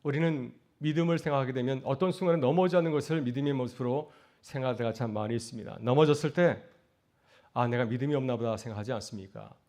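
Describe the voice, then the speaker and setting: A middle-aged male pastor delivering a sermon at a brisk clip. His voice sits at an ordinary pitch, and he speaks in earnest, building through rhetorical questions to emphatic high points. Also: a little mellow.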